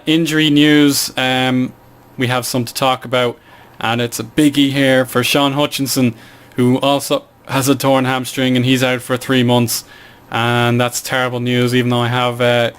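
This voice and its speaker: A man's voice: medium pitch, little pitch movement, a little slow, fairly bright tone, smooth. A man giving casual, hesitant commentary on a management game he is playing, with frequent fillers.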